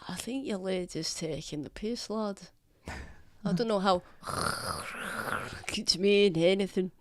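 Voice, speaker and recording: A man playing a weary, blunt orc veteran in a tabletop game, gruff and sardonic. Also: sits high, slow, no echo. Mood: mocking. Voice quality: gruff, sardonic, swears casually. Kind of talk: tabletop role-play in character.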